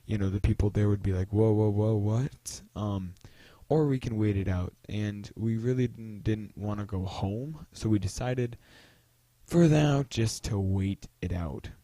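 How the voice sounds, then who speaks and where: A man's voice: lowish voice, a little slow, dark tone, no echo. A young man telling a story in a casual vlog, rambling with many fillers and restarts. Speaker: vlogger.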